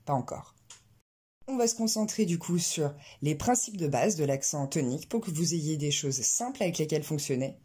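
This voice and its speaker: A woman teaching an English pronunciation lesson, explaining clearly and slowing down to model words. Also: low voice, lively intonation, mellow.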